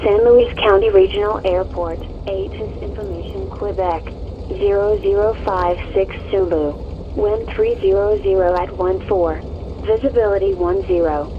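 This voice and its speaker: Rich: A woman's recorded voice on an automated airport weather broadcast, heard through dull, muffled radio sound with a soft hiss behind it. She reads out information phrase by phrase in a measured, unhurried way. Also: medium pitch. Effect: automated airport weather broadcast over aircraft radio.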